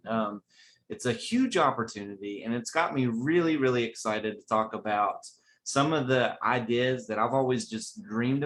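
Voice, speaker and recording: Male webinar host, Appalachian accent, folksy and eager, conversational delivery at a medium pitch. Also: a bit bright, slight background noise. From West Virginia, USA. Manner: enthusiastic, chatty, folksy. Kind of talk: casual webinar talk.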